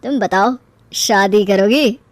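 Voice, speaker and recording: A woman voicing a smooth-talking young man in a cartoon story, in a slightly lowered, coaxing voice. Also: takes it slowly, no room sound, close to an everyday voice. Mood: charming. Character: smooth-talking young man, suitor turned taunting husband.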